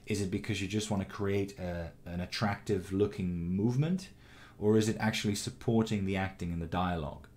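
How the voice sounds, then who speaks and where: A man teaching animation, giving a calm, encouraging critique of a student's shot with frequent ums and restarts. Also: sits low, brisk. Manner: calm, encouraging, many fillers. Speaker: animation instructor. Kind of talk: recorded critique of student work.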